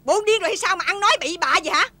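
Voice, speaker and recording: A woman's voice: very high-pitched, lively intonation, very fast, sharp tone, no room sound, full character voice. An actress playing a greedy, bossy farmer's wife who scolds and nags her husband. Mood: scolding. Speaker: greedy farmer's wife in a folk-tale film. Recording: very noisy old film soundtrack.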